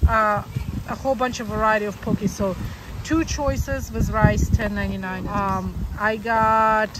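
A woman's voice: mid-range voice, fairly even intonation, unhurried, very noisy. A woman co-hosting a food vlog, chatting casually and cheerfully about the meals and drinks. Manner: upbeat, chatty, loose fillers. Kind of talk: casual food review chat.

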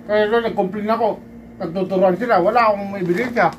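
A man's voice: high-pitched, fairly even intonation, fast, dull audio, slight background noise. A man from the Philippines, an overseas worker, chatting and complaining over lunch with his mouth full. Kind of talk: casual lunchtime chat. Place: workers' quarters in the desert.

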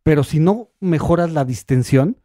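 A man, a gastroenterologist guest calmly explaining symptoms on a radio talk show. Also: fairly high pitch, moderate pace, dry recording, clean studio sound. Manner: calm, explanatory, walks through a quiz step by step. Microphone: studio microphone.

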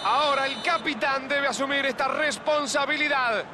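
A man playing an excitable video game football commentator, calling goals with drawn-out shouts and rapid repeats over stadium noise. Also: extremely high pitch. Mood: excited. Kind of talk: excited goal commentary of a penalty shootout. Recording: clear stadium noise behind.

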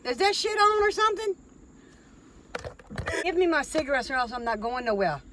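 A middle-aged woman scolding and swearing loudly at her daughter from inside a parked car. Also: high-pitched, big pitch swings, normal speed, background noise. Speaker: prankster's mother. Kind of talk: heated profane scolding in a car.

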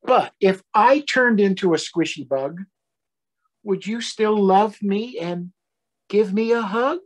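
A man's voice: sits high, lively intonation, takes it slowly, voice pushed up, heavily acted. Man playing a small plaintive fox child, lilting. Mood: anxious, questioning. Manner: questioning, plaintive storybook delivery. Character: small grumpy child fox, anxious for love.

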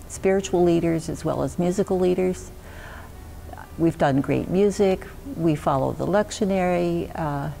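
A woman's voice: sits low, gravelly, mellow, poor audio. A woman in her fifties, a longtime church choir member, speaking reflectively in an interview inside a church.

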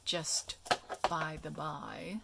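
A woman hosting a craft tutorial, explaining each step in a relaxed, chatty way with many ums and asides. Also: sits low, very slow, gravelly, heavy background noise. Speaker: craft video host.

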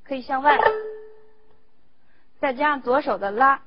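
Female music teacher, higher voice, measured explanatory delivery; dull recording, faint instrument behind. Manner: measured, explanatory, demonstrates between phrases.

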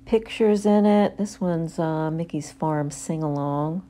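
A woman chatting casually through a store as she films with her phone, pausing often with ums and uhs. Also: low-pitched, dark tone. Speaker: shopping vlogger. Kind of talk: casual shop-with-me narration. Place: store aisle, handheld phone camera.

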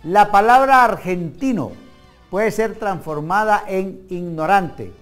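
A man with a Venezuelan accent hosts a comic TV talk show and reads out word trivia. His voice sits a little high. He teases his co-workers with quick asides, then slows down to stress single words, and faint music plays behind him. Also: fairly bright tone. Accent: Venezuelan Spanish. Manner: playful and teasing, jumps between fast asides and slow stressed words. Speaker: TV show host.

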